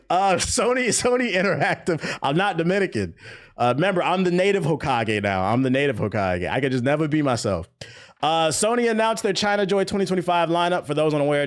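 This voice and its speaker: A young man riffing casually on gaming news during a live stream, mocking and profane, with bursts of laughter between comments. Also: on the high side. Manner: animated, profane, mocking banter.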